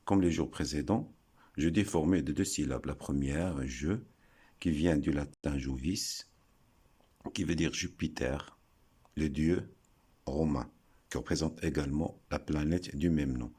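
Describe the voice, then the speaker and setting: Slow, very deep-voiced man teaching. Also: mellow, slightly rough. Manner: deliberate, breaks words into syllables, pauses often. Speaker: teacher explaining word origins. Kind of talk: slow explanatory lesson.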